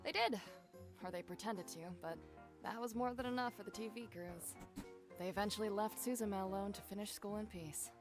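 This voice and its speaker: An actress voicing a composed, proud adult female violinist in game dialogue, telling her story with measured, dry disdain. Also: mid-range voice, music in the background, natural voice. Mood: wry. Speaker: violinist character.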